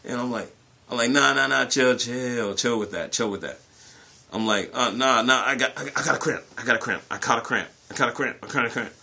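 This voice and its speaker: A YouTube storyteller with a mid-pitched, creaky voice tells a personal story to camera, speaking a little fast. He is animated and conversational, repeating short phrases and acting out snippets of dialogue for his online viewers.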